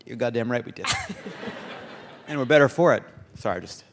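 A man's voice: mid-range voice, lively intonation, fairly quick, a bit bright. A man hosting a live comedy podcast on a theater stage, running a quiz game with a wry, teasing manner. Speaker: host. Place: large theater stage before an audience. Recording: live theater with long reverb.

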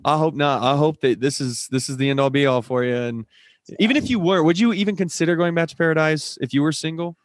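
A man's voice: a little high, fast, dry recording, studio quality. A man co-hosting a podcast in casual chat, upbeat and teasing, laughing a lot. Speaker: podcast co-host.

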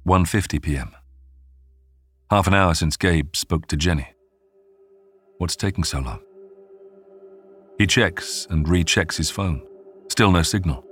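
A man giving measured, scripted narration of a true survival story. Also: low voice, a little hiss or hum. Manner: measured, even storytelling delivery. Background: faint music.

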